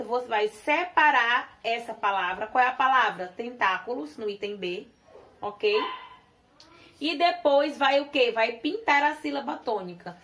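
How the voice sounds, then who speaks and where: A primary school teacher with a fairly high, fairly bright voice and a Brazilian Portuguese accent leads a children's class. She poses questions to the class and answers them herself, saying syllable drills slowly and deliberately.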